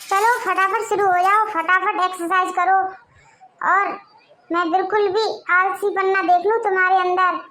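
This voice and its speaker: Woman doing a bossy husband bossing his wife around, super high voice, all orders and nagging. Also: steady tone, normal speed, pushed and bright. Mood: harsh scolding. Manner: scolding, commanding.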